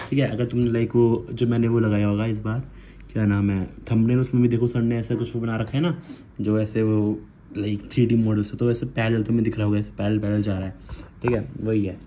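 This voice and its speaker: A man's voice: mid-range voice, mellow. A young man from India, casually explaining biology for revision in a chatty way and often calling the listener brother. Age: young adult. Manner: chatty, calls listener bhai constantly, counts aloud. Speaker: student making revision videos. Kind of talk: casual lesson.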